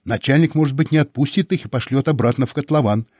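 A man voicing a boastful, greedy male captive who speaks in a firm, shrill voice in an audiobook. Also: quick pace, darkish tone, no echo, studio quality, natural voice. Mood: greedy, smug.

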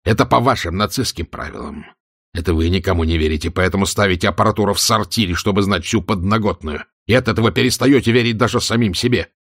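A man voicing a furious, cursing foreign agent who shouts abuse in a car. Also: fairly low pitch, fast talker, breathy edge, dry recording, studio quality. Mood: bitter tirade. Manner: shouting, abusive.

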